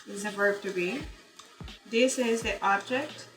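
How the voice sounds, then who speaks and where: A woman's voice: medium pitch, measured pace, a bit bright, soft background music, rough recording. A woman teaching an online English grammar lesson, explaining patiently and checking in with her students often. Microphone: computer mic in virtual session.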